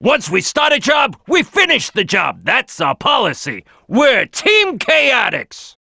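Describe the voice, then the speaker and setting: A brash crocodile detective from a cartoonish video game. The voice is high for a male and swings wildly up and down. It is bossy, cocky and streetwise, with a forceful bark. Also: wildly swooping pitch, slow, creaky, dry recording, studio quality, full character voice. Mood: rowdy, fired-up. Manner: boisterous, cocky, streetwise, barking. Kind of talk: animated video game character acting.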